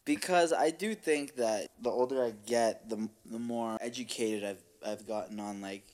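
A man's voice: medium pitch, normal speed, a little mellow. A young man co-hosting a podcast, talking in casual, slangy, profane banter. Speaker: podcast co-host. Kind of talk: casual chat.

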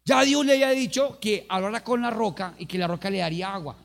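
A man preaching an energetic sermon, acting out quotes and calling on the congregation to respond. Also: high voice, fast. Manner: animated preaching with acted-out quotes and calls to the congregation. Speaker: youth pastor.

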